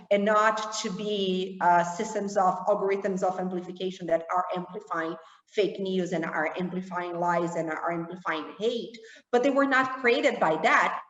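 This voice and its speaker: Woman panelist, fast and animated, echoey room with long reverb, dull lo-fi audio. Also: on the low side. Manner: quick, animated, thinking aloud with fillers. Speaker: keynote speaker on a panel. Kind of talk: panel discussion.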